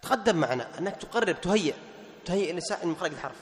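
A man with a notably high voice teaches recitation rules to a room of students. He fires off quick questions, answers them himself, and breaks into short chanted examples. Long reverb from the hall trails every phrase. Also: lively intonation. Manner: quizzes students with quick rhetorical questions, then repeats the answer. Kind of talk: classroom lesson on recitation rules. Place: classroom with students present.

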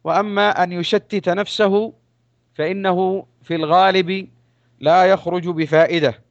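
High-voiced man giving a measured religious lesson. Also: fairly even intonation, no room sound, highs cut off. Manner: measured, deliberate, drawn-out phrasing with pauses. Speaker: Islamic scholar teaching a text.

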